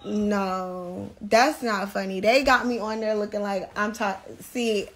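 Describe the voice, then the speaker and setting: A woman's voice: medium pitch, steady tone, takes it slowly. Chatty woman livestreaming to her viewers. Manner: chatty, talks straight to viewers. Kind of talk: casual livestream chat.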